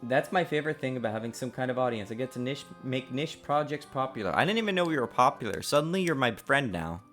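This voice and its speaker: A man's voice: mid-range voice, animated, fast, fairly bright tone, soft background music. A man developing a game on a livestream, rambling with lots of fillers and swearing at his code. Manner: swears and blurts confused exclamations. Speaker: indie game developer streaming. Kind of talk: casual livestream chat while coding.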